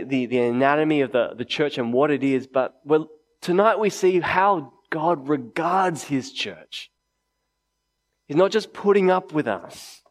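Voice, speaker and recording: Male preacher giving a conversational sermon. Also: a little high. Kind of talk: sermon to a congregation. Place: indoors, church meeting before a congregation.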